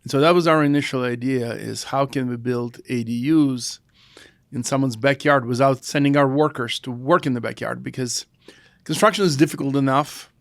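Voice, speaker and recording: Middle-aged Russian-accented founder, gravelly and hesitant, dry close sound. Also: male voice, mid-range voice, no room sound. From former Soviet Union. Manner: halting, thoughtful delivery with restarts. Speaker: guest, founder. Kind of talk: casual podcast conversation.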